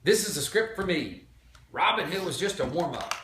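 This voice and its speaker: A man's voice: fairly high pitch, very animated, normal speed, a bit bright. A man voicing an eager, boastful cartoon duck actor in a hammy, grandiose way from a storybook. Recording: echoey noisy home recording.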